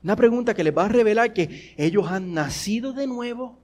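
An expressive, brisk pastor with a strikingly high-pitched voice preaches to his congregation. He rattles off rhetorical questions, repeats them, and moves between forceful and near-whispered lines.

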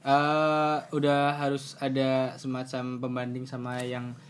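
A young man from Kebumen, Central Java, chats casually as a student guest on a podcast, his Banyumasan ngapak Javanese accent clear. He tells stories loosely, full of fillers and asides, in a slow, monotone, medium-pitched voice. A slight hiss or hum sits under the audio.

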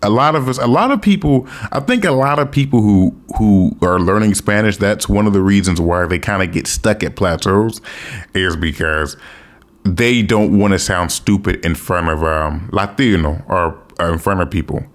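Guy from the us, deep voice, casual slangy chat, swears some, drops in spanish phrases. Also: normal speed. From United States. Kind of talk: casual chat about language learning.

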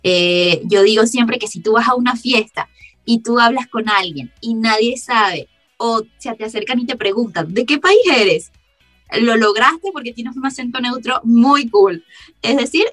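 A woman from Venezuela with a softened Caracas accent, a voice actress explaining her craft as a guest, laughing often as she talks. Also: on the high side, moderate pace, soft background music. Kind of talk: casual interview talk.

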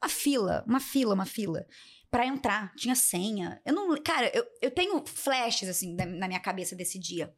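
A young woman appears as a podcast guest, casually telling a personal story in an interview. Her voice is medium-pitched at a normal speed, and she animatedly acts out the people in her tale.

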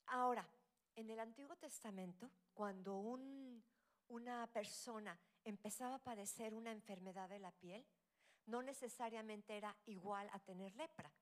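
A woman, middle-aged, preaching a sermon, her delivery swinging between loud cries and hushed whispered asides. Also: a little high, normal speed.

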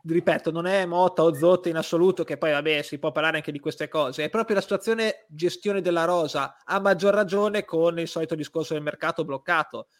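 A man's voice: a little high, a little fast, hardly any pauses. A man in a casual football discussion, arguing his points in an explanatory way with frequent swearing. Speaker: football fan panelist.

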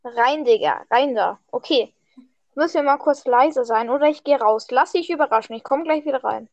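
Woman w/ high voice hyping stuff up, slangy, dead dry muffled recording. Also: normal speed, dry recording. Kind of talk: casual podcast chat. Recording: dull dry lo-fi sound.

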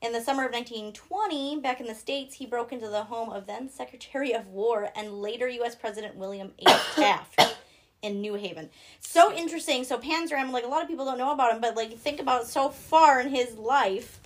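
A woman's voice: on the high side, fairly quick. A young woman with a Minnesotan accent, co-hosting a casual true-crime chat and talking in a rambling, giggly way with many fillers. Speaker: podcast co-host.

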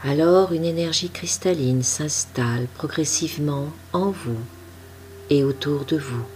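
A woman leading a guided meditation, giving soft, calm instructions. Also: low voice, a little slow, a little hiss or hum.

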